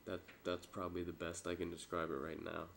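Deep, flat-voiced young man with stuffy nose. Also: a little fast, creaky, slight background noise. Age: young adult. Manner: low-key, hesitant, rambling. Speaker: vlogger and amateur filmmaker. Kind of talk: casual, unscripted update vlog. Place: small room indoors. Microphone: webcam or laptop mic at arm's length.

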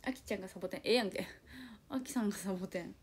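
Rapid-fire and husky, this young woman's mid-range voice carries a casual idol livestream. She responds to viewer comments, confides about herself with self-deprecation, and animatedly acts out brief quoted dialogues using altered voices.

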